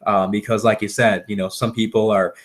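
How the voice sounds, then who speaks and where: A man with a fairly low voice and a Midwestern accent from Wisconsin makes a conversational sales pitch. He is agreeable and halting, often repeating words as he explains. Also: level tone. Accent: American Upper Midwest. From Wisconsin, United States. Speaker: real estate seller pitching to a homeowner. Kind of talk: conversational phone sales call.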